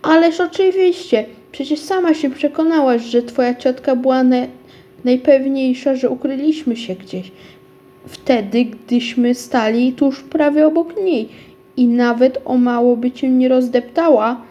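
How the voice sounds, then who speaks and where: A woman's voice: high-pitched, a little slow, warm tone, dull audio. A woman voicing an eager, persuasive young boy in a storybook reading. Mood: triumphant. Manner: pleading, enthusiastic.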